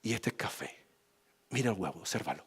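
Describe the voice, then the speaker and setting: A man playing a patient mother who calmly soothes and teaches her daughter. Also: fairly low pitch, a little fast, breathy edge, voice pushed down. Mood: explaining calmly. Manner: soft, calm, soothing.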